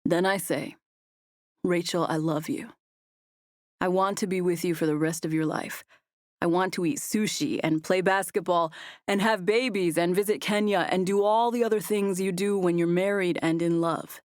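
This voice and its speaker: A woman voicing a tender, playful young man in love, speaking gently and earnestly. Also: on the low side, fairly even intonation, moderate pace, no echo, clean studio sound, natural voice.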